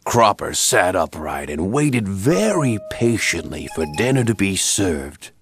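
A man narrating a children's cartoon story in a gentle, measured way. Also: sits low, big pitch swings. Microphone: studio voice-over. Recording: music bed under the voice.

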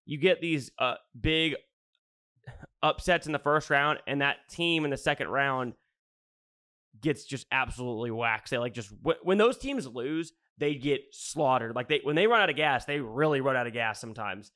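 A man co-hosting a casual sports podcast, blunt and profane, telling animated stories. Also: mid-range voice, normal speed, no echo, clean studio sound. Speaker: podcast co-host.

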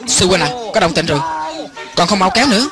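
A man reading every part of a film as a voice-over, in an even and lightly acted way. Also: sits high, fast talker, over loud music. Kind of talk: lector voice-over reading all parts.

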